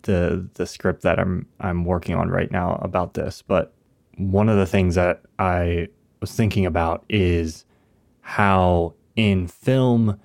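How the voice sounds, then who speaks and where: A man's voice: deep voice, steady tone, slow pace, vocal fry, darkish tone. A man co-hosting a film podcast, thinking aloud in a reflective, casual way and restarting his sentences as he goes. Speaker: podcast co-host.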